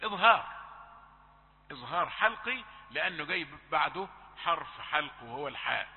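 High-voiced man teaching Quran recitation. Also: lively intonation. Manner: demonstrates letters slowly and repeatedly, corrective. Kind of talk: tajweed lesson with recited examples. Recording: tinny phone-like audio with long reverb.

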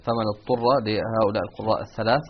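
Male lesson host, fast, plain pitch, muffled lo-fi sound with faint noise. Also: steady tone. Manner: prompting with murmured acknowledgments. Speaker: host questioning a sheikh. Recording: dull lo-fi with faint background noise.

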